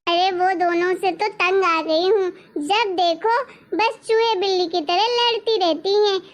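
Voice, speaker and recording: A woman's voice: very high-pitched, unhurried. A woman voicing a complaining older mother-in-law in a cartoon story. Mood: fretful. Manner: complaining, scolding.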